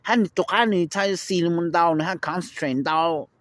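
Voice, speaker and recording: A man hosting a casual talk to viewers, rambling quickly and checking in with "okay?", with English phrases slipped in. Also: fairly high pitch, fairly bright tone, no room sound. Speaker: host.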